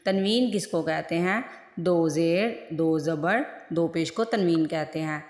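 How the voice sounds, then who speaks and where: Low-voiced woman teaching Quran rules. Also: a little mellow. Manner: repeats points and asks questions to the viewer. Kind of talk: online recitation lesson. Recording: echoey room with long reverb.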